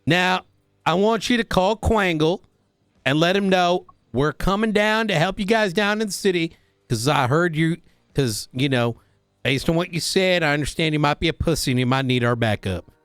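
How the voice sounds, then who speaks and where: A man's voice: fairly high pitch, animated, moderate pace, a bit bright, smooth, dry recording, studio quality. A man playing a police officer in a roleplay, joking and laughing often. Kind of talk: in-character roleplay banter.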